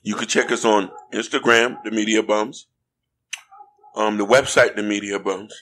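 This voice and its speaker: A man's voice: fairly low pitch, steady tone, normal speed, a bit bright. Earnest, preachy American man co-hosting a podcast. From United States. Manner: earnest, preachy, fond of "you know what I mean". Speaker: podcast co-host. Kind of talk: casual podcast chat. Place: podcast studio in Florida.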